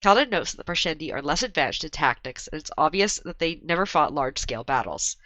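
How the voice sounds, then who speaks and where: A sick woman with a strained voice hosts a book podcast and walks through the chapter recap. Her tone is bright and forward, and her low-ish voice sits close and dry on the mic with no room sound. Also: animated, fast talker, dry recording, lo-fi sound. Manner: reads the recap steadily, with frequent laughs in the banter. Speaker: podcast host.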